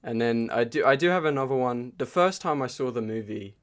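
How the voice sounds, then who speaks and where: A man's voice: mid-range voice, expressive, a little fast. A man co-hosting a film podcast, talking casually and earnestly, with some swearing. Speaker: podcast co-host. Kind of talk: casual chat.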